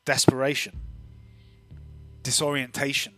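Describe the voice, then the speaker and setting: Man narrating with dramatic, measured phrasing. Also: medium pitch, little pitch movement, a bit bright, no echo. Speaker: game master. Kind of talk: tabletop game narration. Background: faint music.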